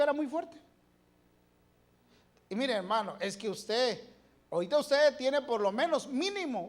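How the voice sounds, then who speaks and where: Animated preacher questioning the congregation. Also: mid-range voice. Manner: animated, shifting loudness. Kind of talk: sermon. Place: church.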